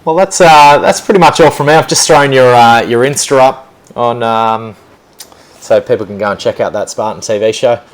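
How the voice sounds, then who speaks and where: A man's voice: medium pitch, moderate pace. A man hosting a casual chat in a laid-back, matey, slangy way. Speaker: podcast host.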